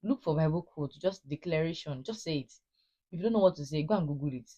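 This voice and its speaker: A woman's voice: low-pitched, lively intonation, fast talker, mellow, highs cut off. A middle-aged woman giving earnest, encouraging marriage advice and repeating phrases for emphasis. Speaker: marriage advice channel host. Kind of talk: casual advice talk to wives.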